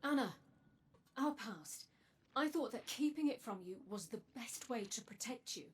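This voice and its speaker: An actress playing a mysterious, secretive machine-bodied woman who speaks calmly and earnestly with a husky voice. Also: fairly high pitch, a little hiss or hum, close to an everyday voice. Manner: calm, measured, earnest.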